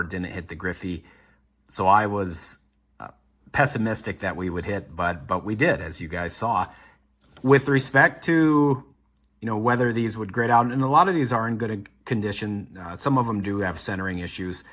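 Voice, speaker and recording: Hosting a card collecting channel, a man wraps up a box opening for his viewers in casual, upbeat talk. His voice is on the low side, pushed and bright, and he rambles with frequent "uh" fillers.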